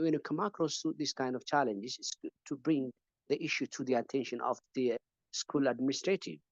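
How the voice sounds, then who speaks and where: A man's voice: medium pitch, no room sound, lo-fi sound. A man from Ethiopia answering questions as a panelist in an online teaching webinar, talking hesitantly with many fillers and repeated words.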